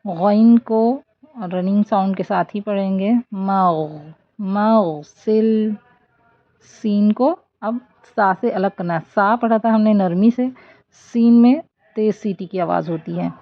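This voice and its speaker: A woman teaching prayer recitation online, who explains pronunciation and then recites the lines slowly and drawn out. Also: mid-range voice, narrow, tinny audio. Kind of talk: online tajweed lesson.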